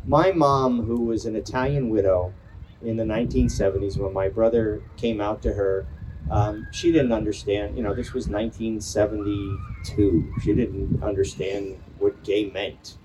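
An older man speaks with a mellow, warm tone at an outdoor rally, earnest and emphatic as he rouses those gathered. Faint ambient noise sits behind his voice. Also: lowish voice, wildly swooping pitch, normal speed, poor audio. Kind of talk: impassioned outdoor rally speech. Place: outdoor community event.

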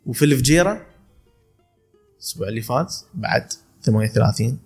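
A man's voice: mid-range voice, lively intonation, fast, a little mellow, husky, faint music behind. A man in his twenties with an Emirati accent, a calligrapher telling stories in casual podcast chat, laughing often and restarting his sentences. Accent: Emirati Arabic. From UAE, Khor Fakkan. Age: 20s. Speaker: calligrapher guest.

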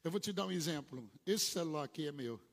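Gravelly, lively Portuguese-speaking preacher man. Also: fast. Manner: swings from low murmured asides to loud shouted proclamations. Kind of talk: sermon. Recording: long hall reverb.

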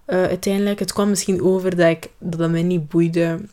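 A woman's voice: on the low side, level tone, a little fast, warm tone. A young woman with a Flemish accent, hosting a personal podcast and talking through her year in a rambling way, often searching for words and restarting. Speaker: podcast host.

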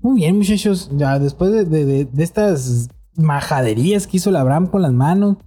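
Mexican guy hosting a podcast, young, playful, teasing, with a mellow, slightly husky voice. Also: on the high side, animated, moderate pace, soft background music. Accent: Mexican Spanish. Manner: joking, teasing friends, playful singsong. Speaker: podcast host. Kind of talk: casual podcast chat.

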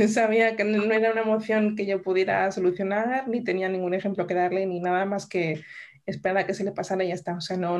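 A woman, a mother and podcast co-host, chatting casually and thoughtfully, often restarting her sentences and filling pauses. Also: mid-range voice, a little hiss or hum. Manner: reflective, with many restarts and fillers.

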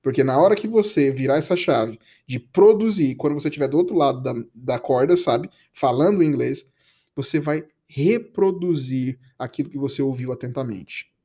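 A man's voice: mid-range voice, expressive, normal speed, warm tone. A man from Brazil teaching English in a casual, chatty podcast lesson, coaxing listeners with slangy asides.

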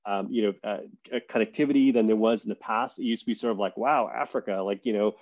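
A man with a lowish voice speaks as a podcast guest. He is casual and unhurried, circling back to restart his thoughts. The audio sounds slightly muffled. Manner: relaxed, thoughtful, many fillers and restarts. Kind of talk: casual interview conversation.

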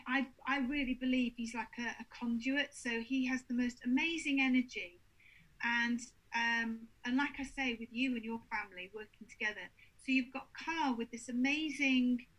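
High-voiced chatty woman. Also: moderate pace, poor audio. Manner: animated storyteller, acts out quotes. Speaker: paranormal investigator. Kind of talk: casual chat.

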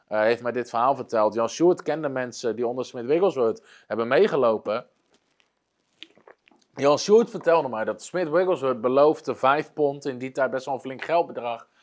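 A man preaching, retelling a story earnestly, with frequent hesitations. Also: mid-range voice. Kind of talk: storytelling sermon.

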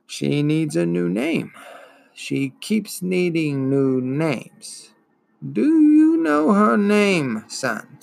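A man reads as an ancient giant turtle, a weary old female creature from a storybook, dragging each word out in a very slow drawl. Her gloomy voice is gravelly and wheezing, and it swoops widely in pitch. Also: sing-song, a little mellow, full character voice.

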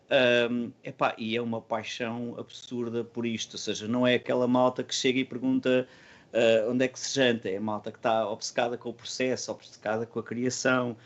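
A man with a European Portuguese accent talking casually in an interview as a band musician, earnest and halting, repeating words and using slang. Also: medium pitch, dull audio.

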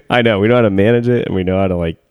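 A man's voice: on the low side, fast, a little mellow, clean tone, no echo, clean studio sound. A man co-hosting a casual tech podcast, rambling with lots of fillers and frequent laughs. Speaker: podcast co-host, tech worker. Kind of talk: casual chat.

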